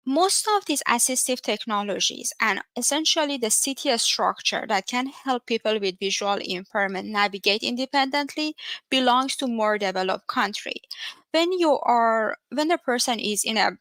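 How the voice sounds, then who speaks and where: Bright-voiced Iranian woman giving a tech talk. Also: fairly high pitch, dry recording. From Iran. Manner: earnest, measured, with frequent fillers. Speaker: conference speaker, research scientist. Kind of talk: technical talk. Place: home, via video call.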